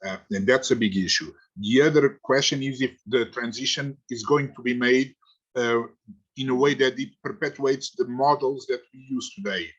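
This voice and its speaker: A man on a video call makes his points emphatically, breaking up his sentences with fillers and restarts. His voice is husky, and the line sounds dull and lo-fi. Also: medium pitch, moderate pace, fairly bright tone. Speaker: panelist. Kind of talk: online panel discussion.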